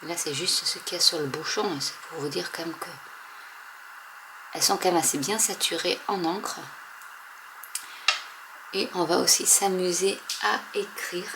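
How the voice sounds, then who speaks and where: Soft-spoken hesitant woman, lowish voice. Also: fairly even intonation, normal speed, pauses often, background noise. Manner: hesitant, many fillers, often trails off softly. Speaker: craft video host. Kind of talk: casual product demo.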